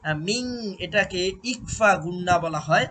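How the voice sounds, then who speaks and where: A man teaching Quran recitation, drilling syllables with long drawn-out chanting and patiently correcting pronunciation. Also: high-pitched, sharp tone. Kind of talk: slow recitation lesson. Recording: faint background noise and clicks.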